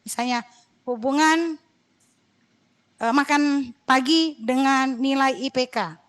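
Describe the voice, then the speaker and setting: High-voiced chatty woman lecturer. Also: slow pace. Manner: chatty, digressive, mildly scolding. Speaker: university lecturer. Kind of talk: classroom lecture.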